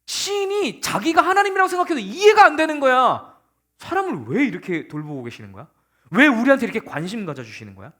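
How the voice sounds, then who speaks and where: A young man, a youth pastor, giving a casual, animated sermon to teenagers and acting out the psalmist's words. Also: very high voice, fast. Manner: talks to teens informally, calls them kids.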